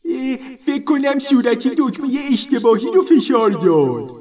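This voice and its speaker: A man doing a high, lively pink lamp demon. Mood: eager. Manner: speaks of himself in third person. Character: pink male genie-demon from a lamp, eager newbie. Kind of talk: storybook narration.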